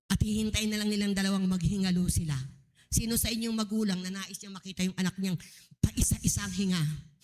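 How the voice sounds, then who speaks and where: A woman's voice: medium pitch, fairly quick, long reverb tail. A woman pastor, preaching a sermon and acting out the people in the story. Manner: animated, acting out voices in quotes.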